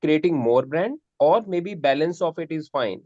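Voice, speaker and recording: A man's voice: on the high side, lively intonation, normal speed, darkish tone, no echo, highs cut off. A man taking part in an online session Q&A, agreeable, with many fillers and repeated affirmations. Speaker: audience member.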